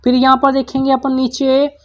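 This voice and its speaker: A woman teacher goes through workbook answers for schoolchildren. Her voice sits a little high, and she keeps posing a question and then answering it herself in a patient, steady way. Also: moderate pace, dull audio. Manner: patient, repeats questions back to pupils. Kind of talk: workbook solution lesson.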